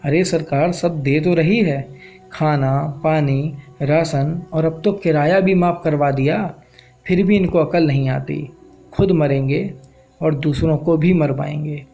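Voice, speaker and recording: A man voicing a stern male police constable who scolds in a slow, deliberate way, in a spoken-word story. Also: a little high, steady tone, vocal fry, dark tone, soft background music. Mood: scolding.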